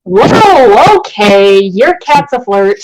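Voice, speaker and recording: A woman's voice: on the high side, very animated, takes it slowly, a little mellow, rough recording. A young adult woman playing a tabletop role-playing game, bantering casually in a wry, sardonic way.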